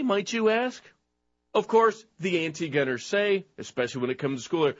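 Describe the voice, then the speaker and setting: A man's voice: medium pitch, a bit bright, slightly rough. A man hosting a talk show, ranting in combative commentary, mocking and name-calling his targets. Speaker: show host. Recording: dull lo-fi recording.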